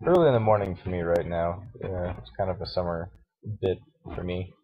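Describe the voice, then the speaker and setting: Low, groggy man on a lo-fi mic. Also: brisk, slightly rough. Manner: hesitant, many fillers and restarts. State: groggy morning voice. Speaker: tutorial host. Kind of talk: casual screen-recorded software tutorial. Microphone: cheap computer microphone. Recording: dull lo-fi mic with faint hiss and mouse clicks.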